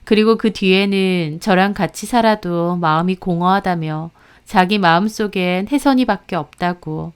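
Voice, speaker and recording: A woman storyteller reading a scripted story in a steady, even manner. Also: fairly low pitch, smooth.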